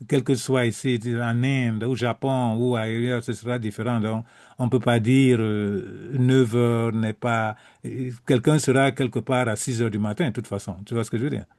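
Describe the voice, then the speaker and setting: A man's voice: mid-range voice, fairly even intonation, normal speed, a little mellow, dry recording, studio quality. A man chatting casually on a call, rambling a little and rewording his points as he explains. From francophone, living in the United States. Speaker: meeting participant. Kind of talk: casual chat.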